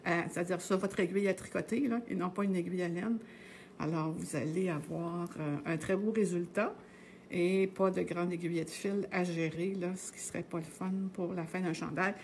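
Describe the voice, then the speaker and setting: A woman's voice: lowish voice, darkish tone, a little hiss or hum. A middle-aged woman with a Québécois French accent, casually teaching knitting on a live stream. She talks in a chatty, meandering way, full of hesitations and tag words.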